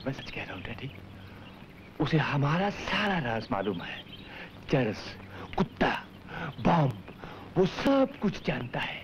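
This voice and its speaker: An actor in a 1970s Hindi film playing a panicky young man, the son of a villain, shouting and pleading. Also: fairly high pitch, big pitch swings, slow pace, long pauses, a little hiss or hum. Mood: scared. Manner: frantic shouting, then fearful whispering. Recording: dull old film soundtrack.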